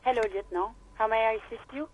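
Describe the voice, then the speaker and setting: A woman voicing a polite police dispatcher, heard over a police radio line in a game. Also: on the high side. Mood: courteous. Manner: brisk, polite and formal. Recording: dull, muffled radio line with faint hiss.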